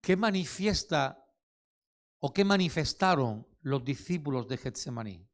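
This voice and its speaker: A man's voice: a little high, animated, a little slow. A male pastor, preaching a sermon, asking the congregation questions and repeating key phrases for emphasis.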